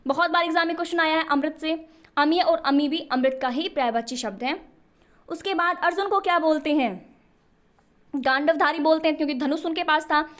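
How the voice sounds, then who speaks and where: A woman's voice: sits high, brisk, a bit bright. A woman teaching an exam-prep Hindi lesson, explaining patiently and often checking in with the students.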